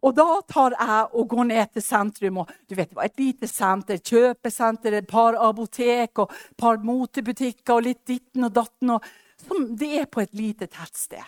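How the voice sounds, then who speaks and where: Animated woman preacher telling a testimony. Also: fairly high pitch, no room sound, studio quality. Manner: animated storyteller acting out dialogue. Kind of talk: storytelling sermon testimony.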